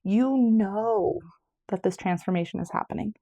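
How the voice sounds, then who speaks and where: A woman's voice: medium pitch, moderate pace, creaky, warm tone, dry recording, dull audio. A woman giving a casual pick-a-card tarot reading, chatty and meandering, a little out of breath. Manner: chatty, meandering, self-correcting. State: slightly out of breath. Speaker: tarot reader.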